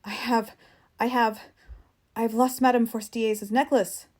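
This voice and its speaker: A woman narrator plays a distraught young wife in an audiobook story. She has a standard American accent and a mellow voice. Her delivery is anxious and emphatic. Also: a little high, expressive, normal speed. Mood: panicked. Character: distraught young wife who lost a necklace. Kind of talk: audiobook character dialogue.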